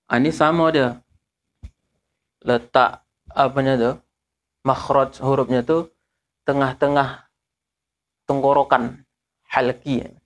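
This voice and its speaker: A man teaching correct pronunciation of Quran verses, slowly drawing out and repeating letter sounds as he demonstrates. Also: medium pitch, fairly bright tone.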